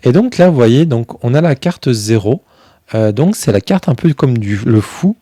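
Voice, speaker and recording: A man chatting casually through a review of a tarot deck, filling pauses with "euh" and thinking aloud as he goes. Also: medium pitch, expressive, dark tone, no room sound, studio quality. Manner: chatty, many fillers, thinks aloud while flipping cards.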